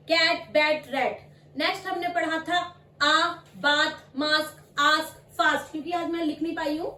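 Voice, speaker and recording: A woman teaching English pronunciation in a spoken lesson, patiently repeating example words slowly. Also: very high-pitched, distant mic. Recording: echoey room, voice off-mic.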